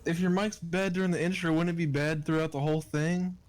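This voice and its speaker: Blunt man with a higher voice. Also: level tone, brisk, a little mellow. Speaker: podcast co-host. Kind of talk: casual chat.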